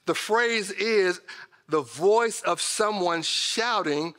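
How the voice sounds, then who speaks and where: Here a middle-aged American man delivers a sermon as pastor, his voice high, slow, and a bit bright. He talks to the congregation directly in an emphatic, conversational style sprinkled with folksy asides. The sound comes from the stage of a large indoor church auditorium and echoes through the hall.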